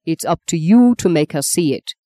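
A woman reading as a composed gentleman, firm and measured, speaking with quiet courtesy. Her voice stays lowish and mellow, recorded dry and close. It is a spoken storybook. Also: lively intonation, dry recording.

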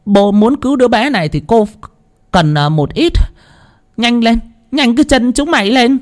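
A man voicing a stern female village shaman who barks sharp orders. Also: extremely high pitch, lively intonation, moderate pace, voice pushed up. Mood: commanding.

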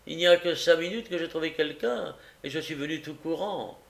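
Man voicing an earnest bookseller, raised pitch, gravelly, roomy room, audiobook. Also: fairly quick. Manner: earnest and insistent. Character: honest, determined male bookseller, a witness.

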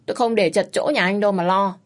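A woman voicing a fiery, stubborn young woman who speaks in high, shrill outbursts and pleads loudly. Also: steady tone, fast, close to an everyday voice. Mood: defiant.

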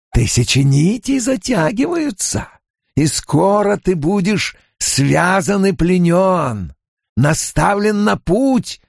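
A male narrator voicing a menacing ancient dark lord who speaks in gravelly, drawn-out, taunting threats. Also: high voice, no room sound, clean studio sound, pitched above the performer's own voice, full character voice. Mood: ominous. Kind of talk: audiobook character voice.

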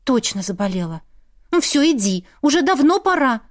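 A woman voicing a sulky, pushy teenage younger sister in an audiobook, with a high, loud and whiny delivery. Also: sing-song, moderate pace, dry recording, clean studio sound. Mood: bossy.

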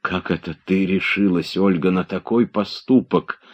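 A man's voice: sits low, measured pace, lo-fi sound. A man voicing an impatient nobleman who nervously pushes and orders his servants about. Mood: alarmed. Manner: urgent, commanding, nervous. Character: agitated impatient male nobleman.

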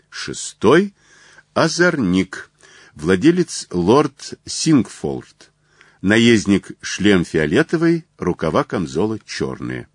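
A man narrating an audiobook in a measured, expressive reading. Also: low voice, breathy edge, dry recording, studio quality. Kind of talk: scripted narration.

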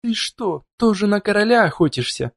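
A man's voice: high voice, lively intonation, moderate pace, vocal fry, full character voice. A man reading an audiobook, voicing a horned, tailed young woman warrior who mocks and teases in a sly, offhand way. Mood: teasing.

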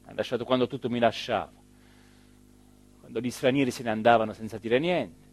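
Playing an embittered mayor left behind by his small town, this southern Italian–accented stage actor shifts from quiet murmuring to booming declamation. In this take he comes across hurt and bitter, speaking a little fast with fairly even intonation in a near-conversational male voice.

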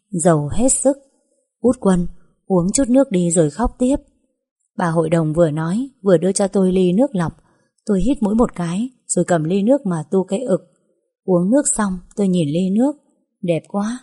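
Young woman narrating an audiobook, chatty and emotional, mellow dark tone. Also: lowish voice, husky. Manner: chatty, emotional, playful asides. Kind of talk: first-person audiobook narration.

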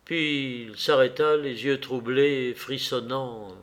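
A man's voice: mid-range voice, slow pace. Man narrating a classic novel. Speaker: audiobook narrator. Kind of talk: literary audiobook narration.

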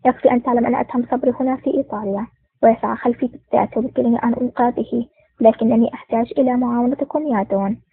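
Brief: woman voicing a smooth-talking male spy, husky, fast, phone-line audio. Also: fairly high pitch, steady tone. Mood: sly. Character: calm scheming male foreign agent. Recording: tinny phone-like dry recording.

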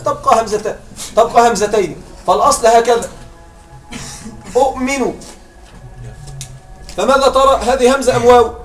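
Man, very high voice, grammar teacher drilling examples and quizzing the class, echoey room, faint music behind. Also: far from the mic. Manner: drills examples, constantly checks understanding with questions. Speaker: Arabic morphology teacher.

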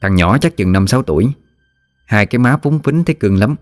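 Low-voiced man telling a ghost tale. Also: fairly quick, soft background music. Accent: Southern Vietnamese. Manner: lively, vivid folk storytelling. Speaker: narrator. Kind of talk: scripted storytelling narration.

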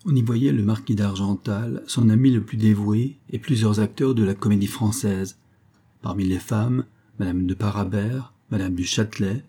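A man narrating a historical novella as an audiobook in a measured storytelling manner. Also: lowish voice, dark tone, breathy edge.

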